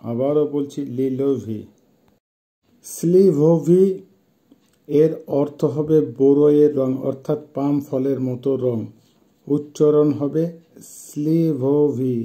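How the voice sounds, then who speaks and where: Slow, dark-voiced Bangladeshi man teaching. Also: mid-range voice, fairly even intonation. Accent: Bangladeshi Bengali. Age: 50s. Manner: slow and methodical, repeating each term. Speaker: language teacher. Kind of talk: vocabulary lesson, word by word.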